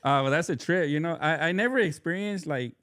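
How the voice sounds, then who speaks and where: A man's voice: on the high side, brisk, a bit bright. A man hosting a podcast from Southern California, chatting casually in laid-back street slang with plenty of fillers. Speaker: podcast host. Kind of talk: casual chat.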